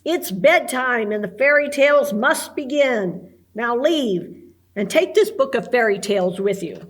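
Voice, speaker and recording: A woman voicing a flustered fairy-tale woman in charge in a storybook read-aloud, quick to exclaim. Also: a little high, expressive. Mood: exasperated. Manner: exasperated, exclaiming.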